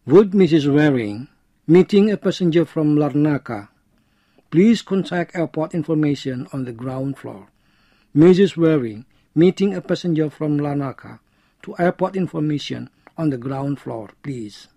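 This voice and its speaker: A man's voice: fairly high pitch, expressive, measured pace, mellow, no echo. A man playing an announcer, reading scripted notices like adverts or airport announcements. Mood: formal.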